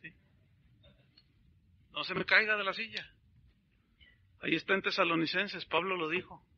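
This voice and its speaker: A man preaching a sermon as a pastor, telling stories in an animated way and calling his listeners brothers. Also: high voice, normal speed, highs cut off, a little hiss or hum.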